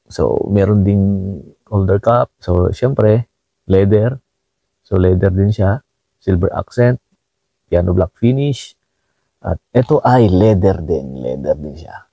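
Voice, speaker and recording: A man's voice: low-pitched, slow, vocal fry, long pauses, no room sound, dull audio. A man, casually touring his car's interior and pointing out each feature. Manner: relaxed, repetitive pointing-out with frequent fillers. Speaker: car owner reviewing his vehicle. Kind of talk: casual walkaround tour narration. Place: inside a car.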